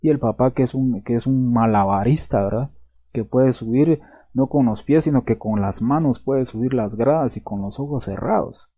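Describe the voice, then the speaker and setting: Guy preaching a sermon, raspy kind of gravelly voice, earnest, keeps asking the crowd to nod along, dry dull sound. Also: medium pitch, moderate pace, no room sound. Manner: earnest, repeats himself, tags lines with a questioning aside. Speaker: pastor. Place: church or teaching setting with slides.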